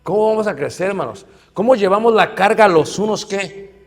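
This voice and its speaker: A man's voice: high-pitched, brisk. A middle-aged man preaching a sermon, telling stories and acting out the people in them. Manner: animated storytelling, acts out quoted voices. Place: church hall. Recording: church hall reverb.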